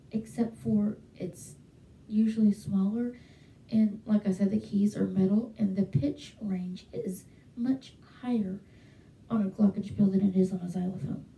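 Her mid-range voice is mellow as she casually vlogs from her small bedroom at home, a young woman who's chatty, enthusiastic and full of fillers. A close-held handheld mic and a webcam pick her up, though the sound is echoey and distant.

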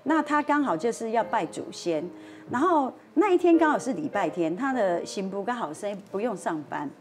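A woman's voice: a little high, big pitch swings, moderate pace. A woman with a Taiwanese accent telling a dramatic anecdote on a talk show, acting out the quoted voices and slipping into Hokkien phrases. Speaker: storyteller guest on a talk show.

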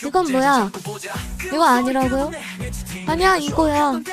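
A woman's voice: high-pitched, a little slow, music in the background. A woman live streaming as a virtual idol, chatting casually with viewers in a cute anime streamer manner, playfully whiny and teasing.

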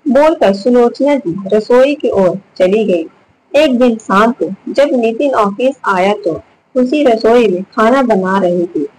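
A woman narrating a moral story in a gentle, measured reading. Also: fairly high pitch, slight background noise, low-quality recording.

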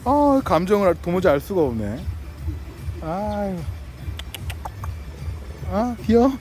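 A man's voice: high-pitched, sing-song, takes it slowly, darkish tone, a little hiss or hum. A man vlogging outdoors, chatting playfully with dogs and their owner in a coaxing, friendly way and laughing often. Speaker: delivery driver vlogger. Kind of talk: casual talk to dogs and owner.

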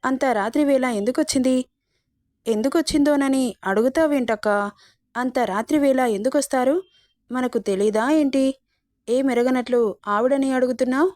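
Snide middle-aged neighbor women trade insinuations in a storybook reading, as a woman voices them. The voice sits somewhat high and sounds dry and close. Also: normal speed, pauses often, darkish tone, dry recording, natural voice. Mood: nosy. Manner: sneering, insinuating.

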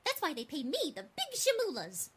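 President Joyful, a woman doing a pompous, squeaky company boss. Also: wildly swooping pitch, a bit bright, full character voice. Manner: pompous, theatrical, slow emphatic pronouncements.

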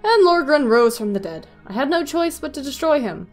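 High-voiced, wry young woman gaming. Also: sing-song, a little fast, soft background music. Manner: wry, sarcastic. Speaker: let's play host. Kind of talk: casual gaming commentary.

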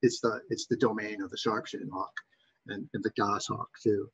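A man from Massachusetts with a Boston accent gives an informal slide lecture as an instructor, in a halting, backtracking way with a slightly husky voice. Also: fairly low pitch, little pitch movement, highs cut off. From Massachusetts, USA. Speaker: bird identification instructor.

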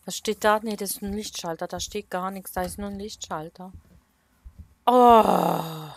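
A woman's voice: mid-range voice, unhurried, gravelly, no room sound. A woman, commentating a horror game in a casual, nervous way, talking to herself and exclaiming in fright. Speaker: let's play gamer.

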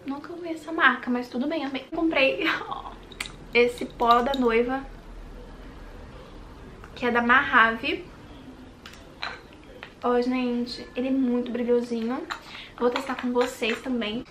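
Brazilian woman, beauty vlogger, high bright voice, gushes over products and slips into whispers, light background hiss. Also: slow, pauses often. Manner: gushing and excitable, dropping into whispers. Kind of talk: casual makeup haul vlog. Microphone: handheld compact camera.

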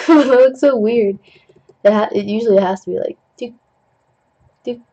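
Recorded on a home webcam mic that sounds muffled, this young adult art tutorial host chats in a medium-pitched, mellow, unhurried voice. He paints digitally at a desk, rambling with puns and self-deprecating jokes and coughing from time to time.

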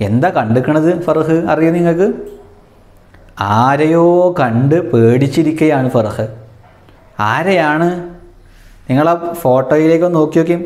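A man's voice: on the high side, reverberant. A man, telling a story as a lesson for young children and often asking them questions. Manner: animated, asks children questions, rising voice for emphasis. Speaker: Arabic teacher for young children.

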